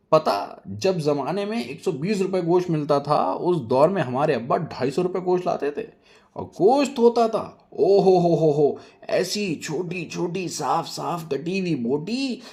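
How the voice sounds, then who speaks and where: A man voicing a loud, rude and boastful woman who scolds and taunts everyone in a storybook tale. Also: a little high, voice pushed up.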